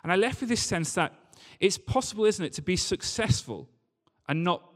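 In a live recording from a large church hall with strong reverb, a man preaches in a high, animated voice at a moderate pace. His sermon has a conversational, storytelling feel and relies on emphatic repetition.

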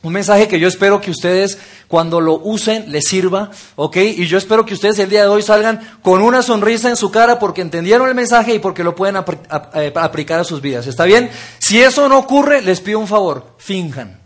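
A man preaching a sermon, engaging the audience with exercises and dropping to a soft, intimate tone for key points. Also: sits high, fairly quick.

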